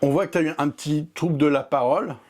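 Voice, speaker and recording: A man interviewing a guest in a relaxed, informal, friendly way. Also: a little high, quick pace. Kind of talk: casual interview.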